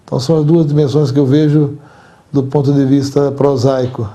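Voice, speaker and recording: Speaking as the outgoing president of an association, an older Brazilian Portuguese–accented man gives deliberate, formal replies and sometimes repeats words. His medium-pitched voice is dark and barely varies in pitch.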